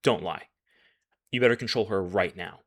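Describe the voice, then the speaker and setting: A man's voice: low voice, moderate pace, a bit bright. A man voicing an angry, defensive father who makes demanding accusations in a retold story.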